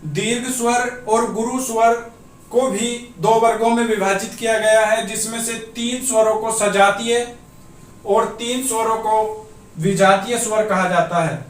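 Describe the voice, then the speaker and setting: A man teaching a grammar class for exam preparation, explaining each point step by step and pausing so students can note it down. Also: high-pitched, fairly even intonation. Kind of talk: exam-prep grammar lesson. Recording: echoey room, voice from a distance off the mic.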